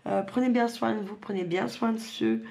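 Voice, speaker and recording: A woman's voice: medium pitch, moderate pace, gravelly, darkish tone. A woman with a lisp that slightly slurs her s sounds, chatting casually and bluntly to viewers in a rambling, colloquial way. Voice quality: lisping, slightly slurred sibilants from dental appliance. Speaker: craft video host.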